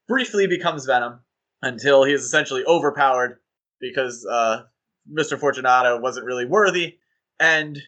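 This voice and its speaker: A podcast co-host chats casually and enthusiastically about comics, laughing often and using frequent fillers. His voice is on the high side with a sharp tone.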